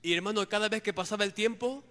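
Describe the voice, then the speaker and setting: A man preaching fervently, his voice high and bright. He keeps turning to his listeners as brothers while telling his testimony. The sound rings with the long echo of a church hall. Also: fast talker. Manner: fervent, calls listeners "hermano" constantly. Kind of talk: testimony sermon.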